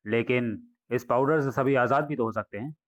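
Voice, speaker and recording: A man's voice: medium pitch, moderate pace, dry recording, lo-fi sound, natural voice. A man voicing a scheming male mad scientist villain who talks in a gloating way.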